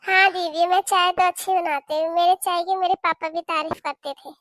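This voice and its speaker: A woman voicing a meek, polite young newlywed daughter-in-law in a cartoon, talking softly and respectfully. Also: very high voice, steady tone, normal speed, no echo, clean studio sound. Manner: soft, respectful. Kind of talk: cartoon voice acting.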